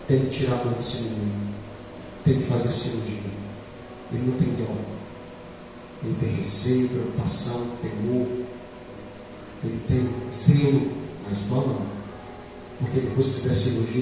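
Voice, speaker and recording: A man in his forties preaching a sermon as pastor, swinging between quiet reflection and loud emphasis. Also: medium pitch, steady tone, moderate pace, pauses often, background noise. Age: 40s. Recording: echoey hall from far off.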